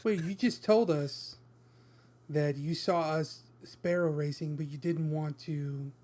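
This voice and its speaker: A man co-hosting a casual podcast chat, teasing the others with quick comebacks. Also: on the high side, steady tone, a little mellow. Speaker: podcast co-host.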